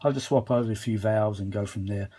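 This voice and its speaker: A vintage audio hobbyist speaks briskly in a lowish, warm and slightly rough voice while filming a repair update on a phone he holds. It's an unscripted workbench chat to camera where he rambles, thinks aloud and swears a little.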